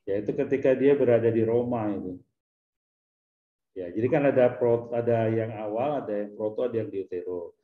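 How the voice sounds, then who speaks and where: A man, a priest, explaining things in an easygoing, teacherly way during a relaxed talk. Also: mid-range voice, moderate pace, reverberant, phone-quality sound.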